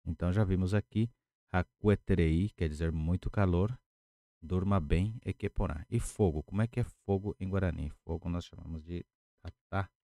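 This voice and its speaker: Low, dark-voiced man teaching words patiently. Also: no room sound. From Paraguay. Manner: patient, repeats words slowly. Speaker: language teacher. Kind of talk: lesson explaining words at a whiteboard.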